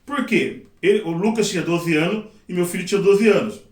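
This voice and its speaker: A middle-aged man teaches sign language interpreting in a casual classroom session, lively and chatty, acting out examples and quotes. His voice is high and brisk, recorded from a distance in an echoey classroom.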